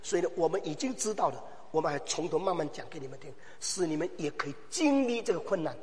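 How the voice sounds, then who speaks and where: A man preaching a sermon as pastor, swinging from low, quiet asides to loud, shouted exhortation with rhetorical questions. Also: lively intonation, fast, a crowd in the background. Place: church hall. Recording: long hall reverb.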